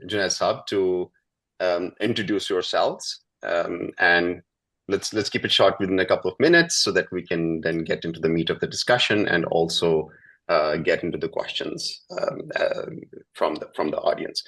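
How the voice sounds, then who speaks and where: Male moderator, deep voice, hesitant phrasing, informal hosting of an online panel. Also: normal speed, a bit bright. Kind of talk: informal spoken panel introduction. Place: online video call.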